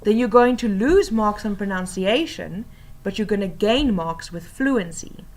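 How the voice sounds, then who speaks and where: A woman teacher explaining tips for oral reading assessments, patiently and with many pauses and fillers. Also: medium pitch, a little mellow.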